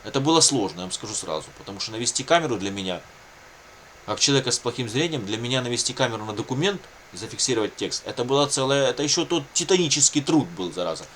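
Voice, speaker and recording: A man with a medium-pitched, fairly bright voice talks fast and animatedly over a little hiss or hum. Russian is his native language; he's a video blogger describing his own circumstances without a script, meandering and repetitive, with lots of colloquial catchphrases.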